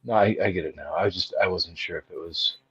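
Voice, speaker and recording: A man's voice: deep voice, quick pace, a bit bright, breathy edge, no echo. A man co-hosting a casual podcast discussion, hesitant, with restarts and frequent "you know". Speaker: podcast co-host. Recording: dull lo-fi audio.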